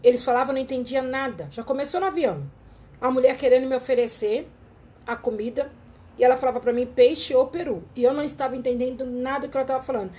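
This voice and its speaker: A woman's voice: high-pitched, quick pace, warm tone. A Brazilian woman with a Brazilian Portuguese accent, chatting animatedly to listeners on a live show. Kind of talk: casual live talk with storytelling. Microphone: phone livestream.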